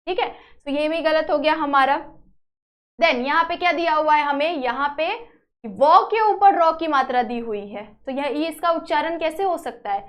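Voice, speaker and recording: A woman teacher talks through a recorded lesson at a steady, patient pace. She speaks in a high voice and checks in with her students again and again as she goes. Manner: explains step by step, repeating "ठीक है" as a check-in. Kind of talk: classroom-style video lesson.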